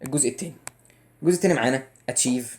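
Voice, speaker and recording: A young man with an Egyptian Arabic accent runs a playful exam-prep English lesson at a rapid clip. He teases his students and drills each grammar rule by repeating it again and again. His voice sits in a middle register. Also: mid-range voice, darkish tone, a little hiss or hum. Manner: jokey, teasing, drills rules by repetition. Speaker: English teacher.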